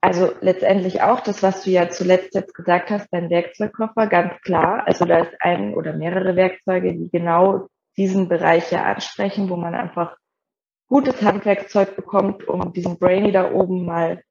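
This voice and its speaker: A woman shares her own story in a soft, reflective way, stopping now and then to find the right words. Her voice has a steady, gravelly fry running through it. The recording sounds somewhat muffled and lo-fi. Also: fairly low pitch, moderate pace. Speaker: guest. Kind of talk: personal storytelling in a podcast conversation.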